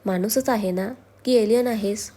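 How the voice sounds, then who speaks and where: A woman's voice: medium pitch, normal speed, warm tone, close to an everyday voice. A woman voicing a young policewoman who talks in a playful, teasing way.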